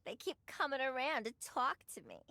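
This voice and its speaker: A woman's voice: high voice, expressive, vocal fry, bright, forceful tone, dry recording, clean studio sound, heavily acted. A woman with a New York area accent voicing a flirty, dramatic female triangle in a video game, sultry and theatrical. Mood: dreamy. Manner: theatrical, sultry, drawn-out lines. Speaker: game character.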